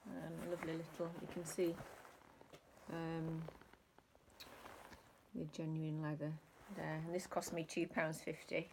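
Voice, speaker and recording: Low gravelly woman vlogging. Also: monotone, measured pace, pauses often, a little mellow, a little hiss or hum. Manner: rambling, hesitant with many ums. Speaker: reseller vlogger. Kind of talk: casual chat.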